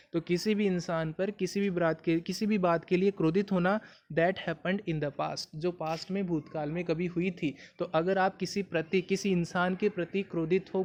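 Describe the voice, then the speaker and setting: A man with a fairly high voice and a Hindi accent, teaching English idioms. He explains patiently, repeats each point, and turns to the viewer with questions. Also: darkish tone. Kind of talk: explaining idioms in a video lesson.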